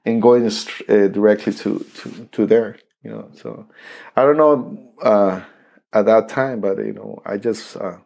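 Gravelly-voiced man with a Costa Rican Spanish accent. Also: fairly low pitch, a little mellow. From Costa Rica. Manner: halting, many restarts and fillers. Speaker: interview guest, saxophonist. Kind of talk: casual interview storytelling.

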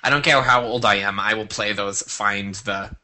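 A man co-hosting a casual chat in a deadpan, sarcastic way, recorded in a bathroom that makes his voice echo like a cave. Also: lowish voice, moderate pace, heavy background noise. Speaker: podcast co-host.

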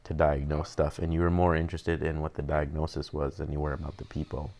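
A man's voice: a bass voice, monotone, fast, vocal fry, a little mellow. A man co-hosting a podcast, chatting casually in a rambling, self-correcting way. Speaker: podcast co-host. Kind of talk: casual chat.

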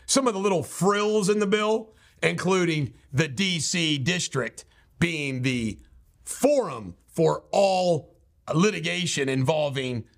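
A man's voice: on the high side, creaky, a bit bright. A man hosting his own show, delivering a blunt, emphatic and scornful political commentary monologue. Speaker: host.

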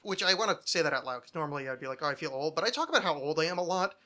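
A man in his thirties hosts a podcast, chatting casually and ramblingly with a wry, mock-dramatic, self-deprecating manner. His voice is a little high, bright, expressive, and forceful, and he talks very fast.

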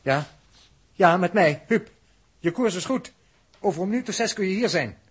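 Huub, a dry, logical radio operator. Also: male voice, high-pitched, animated, moderate pace, background noise. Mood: reassuring. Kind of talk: vintage radio drama acting.

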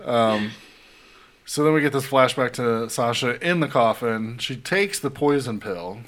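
Bright-voiced man recapping an episode. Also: medium pitch, a little slow. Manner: laid-back storytelling, acts out characters' lines. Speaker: podcast host recapping a TV episode. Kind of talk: casual chat.

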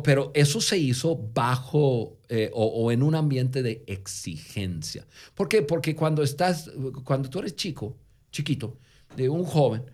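A man co-hosting a podcast who tells stories in casual Spanish, which is not his first language, with a lingering foreign accent and frequent halting restarts. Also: medium pitch, darkish tone. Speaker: podcast co-host. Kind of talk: casual conversational storytelling.

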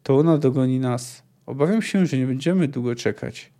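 A man reading a cold, calm mercenary, level and unhurried, mellow low-key tone. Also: close to an everyday voice. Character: cold, calculating male mercenary.

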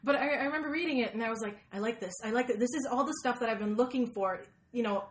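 A Swedish woman whose first language is Swedish tells stories casually while being interviewed as a podcast host. Her fairly high voice is animated, halting and self-interrupting. The echoey room adds a roomy echo and some background noise.

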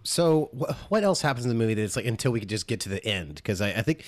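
A man's voice: fairly low pitch, expressive, fast. A man co-hosting a casual movie podcast, rambling through scenes with lots of fillers. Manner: rambling, full of "like" and "uh". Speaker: podcast co-host. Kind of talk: casual movie-review chat.

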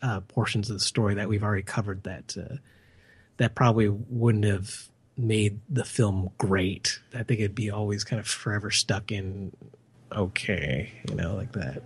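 A man's voice: fairly low pitch, fairly even intonation, normal speed, husky. A man reviewing a film in casual chat, rambling and peppering his talk with "you know".

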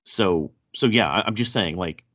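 Man, thick Southern accent, low voice, casual podcast host, stammering repeats, slightly dull recording. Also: normal speed, a bit bright. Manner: stammering, repeats words as he goes. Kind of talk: casual chat. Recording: dull, roomy echo.

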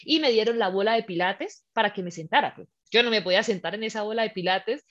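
A woman telling a personal story in casual chat, animated and acting out the scenes with her voice. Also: mid-range voice, fast talker. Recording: slightly muffled lo-fi recording.

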